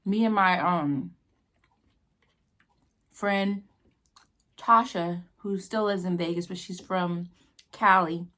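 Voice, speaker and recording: An American woman with a slightly low voice chats casually as she tells a personal story. She takes her time, rambling along very slowly with halting pauses. She talks between bites, at times with her mouth full. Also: steady tone, a bit bright. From New Mexico, United States. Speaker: vlogger telling a personal story while eating.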